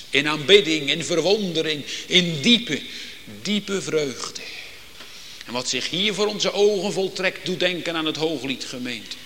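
A man preaching a sermon to his congregation, solemn and emphatic, building to loud declamatory climaxes. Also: fairly high pitch. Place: church. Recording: long reverb in a church hall, faint background noise.

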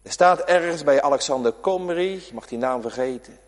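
Male pastor, emphatic sermon delivery, high voice, long church reverb. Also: fairly quick. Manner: emphatic preaching, swings between loud calls and quiet asides.

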